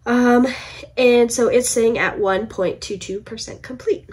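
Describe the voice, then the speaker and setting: Congested from a cold, a young woman chats casually to the camera from a room at home about her cross stitch projects, using many fillers and restarts. Her stuffy, husky voice is a little high, a little slow and a little mellow.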